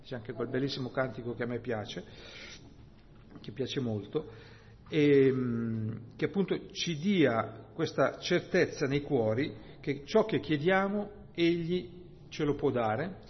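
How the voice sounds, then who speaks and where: A man preaching a sermon, expounding scripture slowly and emphatically, often checking in with "no?" and "hm?". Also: medium pitch, expressive, a little hiss or hum. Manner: slow, emphatic Bible exposition with rhetorical "no?" and "hm?". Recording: dull, long-reverb church hall sound.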